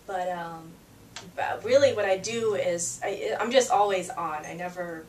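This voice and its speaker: In this casual interview, a young woman from Peru who writes and sings songs talks a little slowly in a fairly low voice, chatty and quick to laugh, with frequent fillers and restarts. A distant mic gives roomy sound, with slight background noise and faint ambience.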